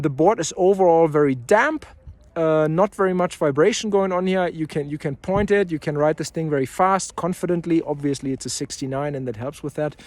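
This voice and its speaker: A man with a slightly high voice records a casual review outdoors on the ski hill. He talks off the cuff and pauses to think as he goes, piecing his assessment together in short phrases. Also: a little mellow, dry recording. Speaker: snowboard reviewer. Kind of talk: casual vlog gear review, talking off the cuff. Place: outdoors at a ski area, partly on a chairlift.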